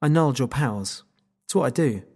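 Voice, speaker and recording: A cool, smug male agent who cancels powers, as a man reads him in an audiobook. He speaks in a calm, unhurried way that carries a quiet threat. His voice is husky, with a gravelly edge, set at an ordinary middle pitch.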